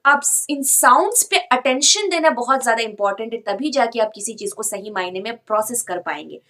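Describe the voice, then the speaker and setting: Young woman teacher with a fairly high voice, explains patiently and checks understanding as she goes. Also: lively intonation, moderate pace, bright, forceful tone. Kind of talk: classroom lesson explanation.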